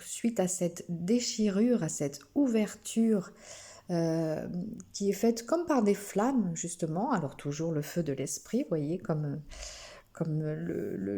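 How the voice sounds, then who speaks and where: Brief: French woman, spiritual card reader, unhurried and hesitant, soft mellow lowish voice. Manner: slow, gentle, with frequent hesitations and restarts. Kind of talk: oracle card reading to camera.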